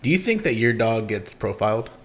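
Low-voiced man, teasing podcast co-host. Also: big pitch swings, a little fast. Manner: teasing, plays devil's advocate. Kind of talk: casual chat.

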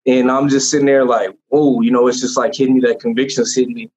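A man's voice: medium pitch, little pitch movement, quick pace, a little mellow, husky. A young man tells his personal testimony in a casual chat, in an earnest, rambling way with many fillers and restarts. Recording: dull lo-fi sound.

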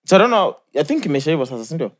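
Higher-pitched Kenyan man, filler-heavy podcast chat. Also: sing-song, very fast. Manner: peppers talk with fillers like "um", "like" and "bro". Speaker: podcast host. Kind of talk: casual chat.

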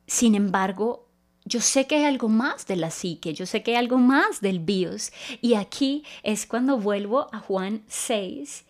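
A woman's voice: medium pitch, expressive, a little slow, darkish tone. A woman preaching a Bible teaching sermon, explaining word meanings in an earnest, patient way.

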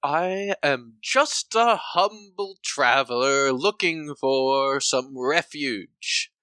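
Tabletop player doing a humble polite traveler begging refuge, slow and formal, bright tone. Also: medium pitch, no echo. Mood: humble, courtly. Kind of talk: tabletop game role-play.

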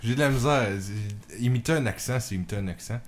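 A man's voice: mid-range voice, fairly quick. A man with a Québécois accent on a comedy podcast, talking casually and hesitantly with many ums. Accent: Québécois French.

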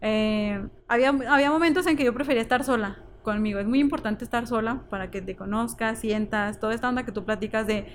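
A woman's voice: fairly high pitch, fast talker, hardly any pauses, a little hiss or hum. A woman with a Mexican accent, a podcast guest talking candidly and emphatically in slangy casual speech. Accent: Mexican Spanish.

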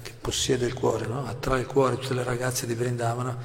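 A man giving a devotional lecture, explaining patiently, often asking "no?" and clearing his throat. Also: medium pitch, little pitch movement, brisk, a little hiss or hum. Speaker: religious teacher. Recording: long hall reverb.

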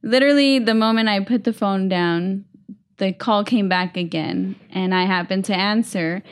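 A woman's voice: mid-range voice, normal speed. A woman on a podcast telling a customer service story in casual chat, acting out the callers' lines.

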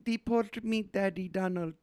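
A podcast co-host voicing a bored, weary wife in a comic reading. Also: female voice, mid-range voice, a little slow, mellow, voice pushed up, close to an everyday voice.

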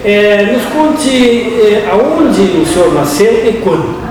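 Echoey high-voiced male radio host. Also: sing-song. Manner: public radio host, measured and formal greeting. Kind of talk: hosting a radio interview. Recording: very echoey hall, distant mic, crowd murmur.

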